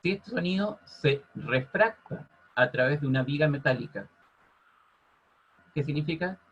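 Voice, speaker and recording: A man teaching a physics class over a video call, constantly checking in with his students by asking if it's clear. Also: on the high side, animated, measured pace, a bit bright. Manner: checks in with "ok?" after nearly every phrase. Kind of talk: online class explanation. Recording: muffled lo-fi audio.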